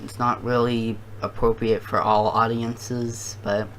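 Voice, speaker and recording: Casual video host, unhurried and halting, thinks aloud, mid pitch, slight background noise. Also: little pitch movement, a bit bright, rough recording. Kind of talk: casual commentary to viewers.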